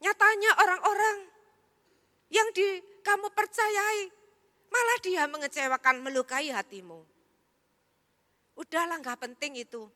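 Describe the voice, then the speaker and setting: A woman pastor preaching a sermon, dropping to hushed tones and then rising to loud, emphatic peaks. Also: very high-pitched, measured pace, pauses often. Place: large church hall. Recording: echoey church hall.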